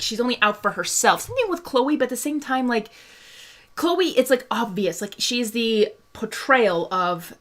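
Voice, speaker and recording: A young Hungarian woman hosts a relaxed fan discussion, working through viewer questions with plenty of laughter, filler words and false starts. Her voice sits at a medium pitch and sounds slightly bright.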